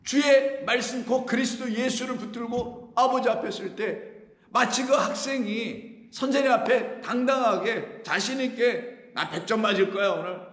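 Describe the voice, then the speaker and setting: A man preaching a sermon in a fairly high voice, earnest and drawn out on the phrases he stresses. His voice rings through a big church room with a long, lingering reverb. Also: fairly bright tone. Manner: earnest preaching, rising and slowing on key phrases. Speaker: pastor. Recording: echoey church hall.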